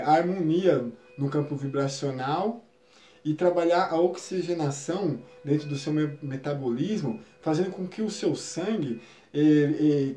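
A man giving a calm, explanatory spiritual lesson on a live stream, often ending phrases with tag questions. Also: fairly high pitch, roomy sound. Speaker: spiritual teacher.

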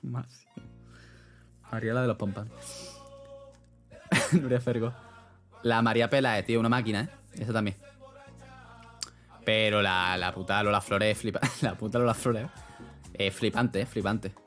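A man's voice: fairly low pitch, steady tone, normal speed, pauses often, fairly bright tone. Young man, slangy streamer chat, faint music underneath. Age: young adult. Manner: rambling, slangy, laughs often. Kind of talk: casual chat reading live chat.

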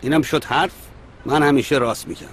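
A man's voice: medium pitch, a bit bright, a little hiss or hum, natural voice. A man dubbing a sarcastic, defensive brother-in-law.

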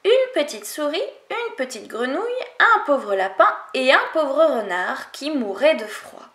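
Une femme prête sa voix aux petits animaux transis blottis dans une moufle, avec un ton aigu et inquiet. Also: female voice, high-pitched, very animated, measured pace, a bit bright, reverberant, exaggerated voice. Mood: timid, protective. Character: small shivering animals huddled in a mitten.

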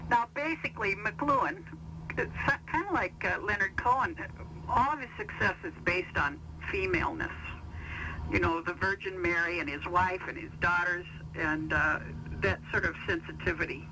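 A man musing aloud in a rambling, hesitant way, pausing and restarting as he thinks. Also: high-pitched, pushed and bright, a little hiss or hum, poor audio. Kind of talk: casual musing in an interview.

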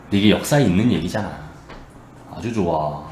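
A man casually retelling a Bible story to a live chat, animated and slipping into character voices. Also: low-pitched, brisk, roomy sound, a little hiss or hum.

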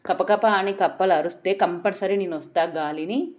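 A male wind god from a folk tale, defensive and passing the blame on, as a woman storyteller puts him on. The voice is lowish and plain. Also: normal speed, a little mellow, close to an everyday voice.

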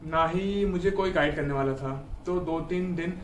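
A young man from India talks earnestly to the camera, urging his viewers on with a fairly high voice. The sound is roomy and a little distant, picked up by a camera mic a few feet away in a small room at home, with faint ambient noise. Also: normal speed. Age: 20s. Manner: earnest, encouraging, addresses viewers directly. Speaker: fitness YouTuber. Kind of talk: casual advice talk to camera. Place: small indoor room at home, seated on a bed.

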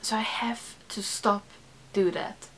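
Whispering slowly in a mid-range, fairly even voice, a young non-native English speaker answers a tag on her beauty YouTube channel. She sits indoors in a small room with makeup shelves, rambling, self-correcting, and leaning heavily on "like."

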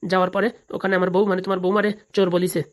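A woman's voice: medium pitch, little pitch movement, racing, natural voice. A woman voicing quarrelling village family members in a cartoon, indignant and argumentative. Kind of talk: cartoon voice acting.

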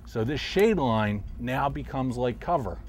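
A middle-aged man calmly explains his fishing technique as he casts from a boat, sounding like a fishing show host. His voice sits at an ordinary pitch and is picked up by a lapel mic outdoors, with a faint wash of outdoor noise behind him. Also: a little slow. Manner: calm, explanatory, talks while casting. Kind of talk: instructional fishing commentary.

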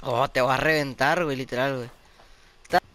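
A man with a Mexican accent, loudly commenting on his own gameplay at home, swearing and shouting at other players. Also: mid-range voice, a little fast, a little hiss or hum. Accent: Mexican Spanish. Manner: loud, excitable, swearing. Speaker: gamer youtuber.

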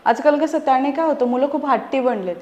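A woman's voice: high-pitched, quick pace. A woman, a guest parent talking earnestly and with animation in a casual conversation. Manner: earnest, animated, explaining with examples. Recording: echoey room.

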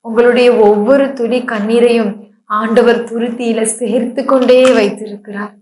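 A woman's voice: fairly high pitch, flat delivery, moderate pace, darkish tone, reverberant, low-quality recording. A woman preacher giving a devotional sermon, earnest and pleading, speaking straight to her listeners.

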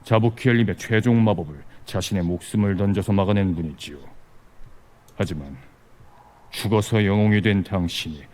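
An actor playing a composed, persuasive otherworldly envoy in a video game, speaking formally and gravely. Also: male voice, on the low side, moderate pace, darkish tone, lightly acted. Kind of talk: dramatic game voice acting.

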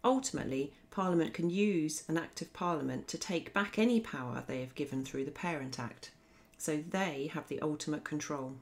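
A woman narrating a scripted law revision lesson as a voice-over, explaining in a clear, methodical way. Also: deep voice, moderate pace, few pauses. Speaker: law teacher.

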